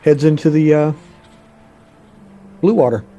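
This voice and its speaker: A man playing a tabletop game, chatting casually in a halting, offhand way. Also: fairly high pitch, dark tone, soft background music.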